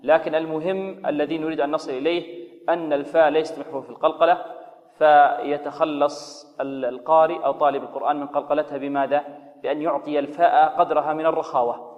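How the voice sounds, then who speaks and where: A man teaching Quran recitation rules, explaining slowly, asking rhetorical questions and modeling recited examples. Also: fairly high pitch, fairly even intonation, big-room sound, phone-quality sound. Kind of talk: tajweed lesson with recited examples.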